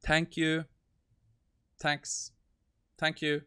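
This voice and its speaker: A man with a slightly high, bright, forceful voice that rings clear and resonant, though his delivery stays completely flat and he draws out his words. He hosts a casual tech live stream, testing a voice assistant with amused exasperation and laughing asides.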